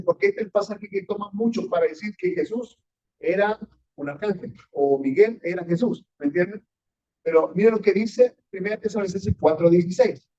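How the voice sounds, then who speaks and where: High-pitched and dark in tone, this male pastor leads sermon-style Bible teaching in a church meeting room, captured in a dull, lo-fi recording. He's emphatic, his voice rising and dropping sharply, and he often questions his listeners.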